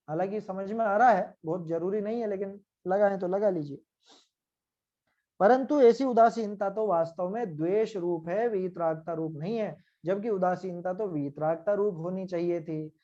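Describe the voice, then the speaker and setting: A man's voice: high voice, darkish tone, highs cut off. A man teaching a scripture class, explaining each point step by step and often stopping to ask his listeners whether they follow. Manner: questioning, checks in with listeners often.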